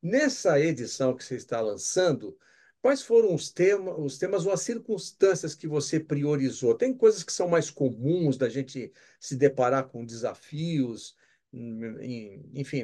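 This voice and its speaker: A man's voice: mid-range voice, lively intonation, normal speed, warm tone. A Brazilian man interviewing a guest, asking questions in a conversational way with short acknowledgements.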